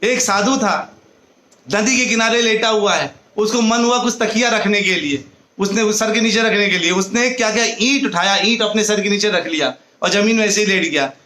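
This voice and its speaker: A man giving a devotional discourse in a high, bright voice, moving between storytelling and chanted verses. The room is echoey. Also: moderate pace. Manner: tells parables and chants mantras, with a light laugh. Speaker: preacher.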